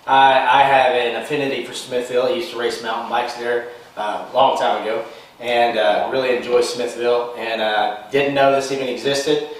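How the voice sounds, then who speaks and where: A man's voice: medium pitch, flat delivery, normal speed. Wry man, casual host, mid voice, echoey room, mic a way off. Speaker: bourbon tasting host. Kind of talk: casual chat. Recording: roomy sound from far off.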